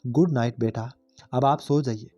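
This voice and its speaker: A man voicing a gentle, loving young father in a family story. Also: mid-range voice, moderate pace, no room sound, lo-fi sound, close to an everyday voice. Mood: tender.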